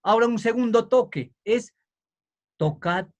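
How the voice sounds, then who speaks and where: A man preaching a sermon in an emphatic way, building up to fervent shouting. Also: very high-pitched, unhurried.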